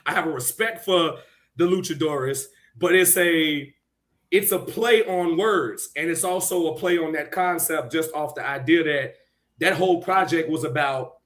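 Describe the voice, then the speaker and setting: On a casual podcast, a male co-host rants heatedly and profanely, often shouting and laughing between points. His voice sits on the high side and moves a little slowly.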